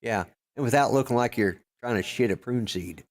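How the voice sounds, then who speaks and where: An older man co-hosting a podcast, chatting casually in a gruff, rambling way with lots of fillers and restarts. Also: mid-range voice, brisk. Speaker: podcast co-host. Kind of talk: casual chat.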